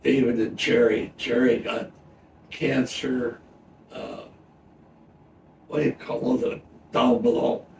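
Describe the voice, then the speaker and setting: A very old man in his nineties, reminiscing casually in halting, rambling speech as he answers an interviewer. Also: mid-range voice, steady tone, vocal fry. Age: 90s. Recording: roomy, distant mic, faint background noise.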